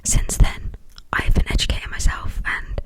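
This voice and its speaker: Young adult, hushed breathy whisper, ASMR ramble, informal, hesitant, from the United Kingdom. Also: moderate pace. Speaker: ASMR video creator.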